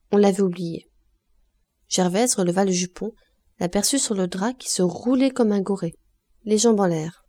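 A woman narrating a classic novel as an audiobook with a warm, mellow voice. Her reading is measured and expressive, at a middle pitch. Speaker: audiobook reader.

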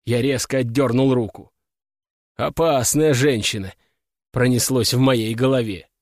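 A man reading a first-person fantasy audiobook in a wry, even storytelling manner. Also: mid-range voice, normal speed, no echo, clean studio sound. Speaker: audiobook narrator.

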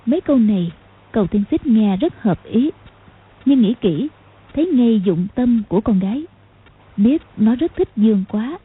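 Breathy woman narrating an audiobook. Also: a little high, moderate pace, narrow, tinny audio. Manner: steady storytelling. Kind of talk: scripted narration.

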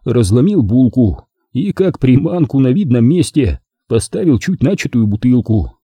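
Husky dark-voiced male narrator. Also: mid-range voice, very animated, moderate pace, no echo. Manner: wry first-person narration. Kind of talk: audiobook reading.

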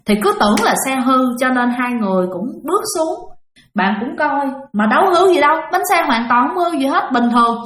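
Woman, chatty ghost-story narration, higher voice, echoey room. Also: sing-song, brisk, a bit bright, a little hiss or hum. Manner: chatty, addresses listeners directly. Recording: roomy echo.

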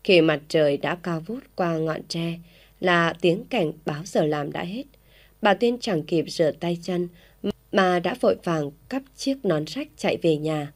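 Lady narrating a story, low voice, steady. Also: unhurried.

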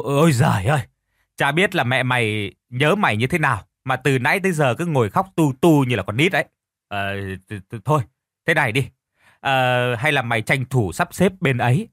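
A man playing a gruff older farmer husband who scolds and grumbles in exasperation. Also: medium pitch, expressive, moderate pace, a bit bright, dry recording, clean studio sound. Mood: fumbling, coaxing.

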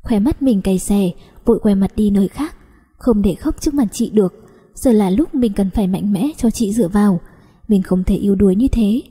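A woman reads a first-person story aloud in a very dark, mellow voice with a husky, breathy edge. She tells it softly and without hurry, and a long reverb trails each phrase. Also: medium pitch, moderate pace. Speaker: audiobook reader.

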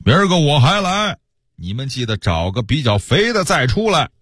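A man voicing a fierce, boastful warrior who growls menacing threats in a lowered voice. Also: big pitch swings, moderate pace, breathy edge, no echo, studio quality. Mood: mocking.

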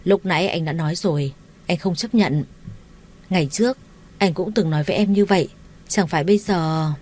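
A cold young husband with a curt, dismissive edge, read by a woman storyteller. The voice sits low and plain, barely shifted from the narration. It sounds like a calm audiobook take on the character. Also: fairly quick, natural voice. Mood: gentle.

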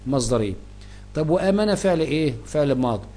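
A man's voice: a little high, lively intonation, fast talker, warm tone. A man with an Egyptian accent teaching Arabic grammar, asking himself questions and answering them. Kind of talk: grammar lesson explaining Quran verses.

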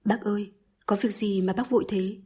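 A woman voicing an honest, steady young man who speaks politely and calmly while hiding his worry, with a very breathy voice. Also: mid-range voice, a little fast, close to an everyday voice. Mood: polite, guarded. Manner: polite, calm, guarded.

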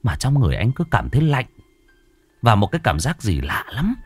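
A man narrating a ghost story in an expressive storytelling manner. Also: mid-range voice, a little fast, husky, soft background music.

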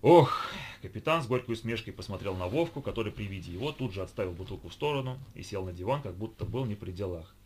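A man narrating an audiobook in a steady, even storytelling manner. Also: fairly low pitch, fast talker, few pauses, slight background noise. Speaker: audiobook reader. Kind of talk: scripted narration.

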